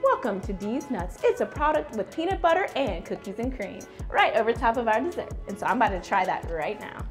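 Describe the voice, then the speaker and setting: A woman's voice: a little high, very animated, a little fast, few pauses, faint music behind. A young woman co-hosting a TV cooking show in a studio, bubbly and enthusiastic, laughing often, on a lapel mic. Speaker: co-host. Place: TV studio set with city backdrop.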